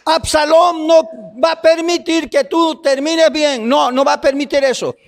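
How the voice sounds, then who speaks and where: A man preaching a fiery sermon in a church hall, his voice very high and ringing. He speaks slowly, stretching his phrases and breaking into shouts. A long reverb from the hall hangs behind every word. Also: fairly even intonation, noisy background. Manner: preaching with slow drawn-out phrases and sudden shouts.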